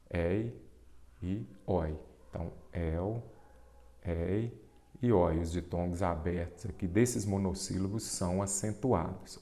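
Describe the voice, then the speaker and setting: Lower-voiced man teaching grammar. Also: darkish tone. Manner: explanatory, asks rhetorical questions, stresses key terms. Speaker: Portuguese teacher. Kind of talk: exam-prep lesson at a board.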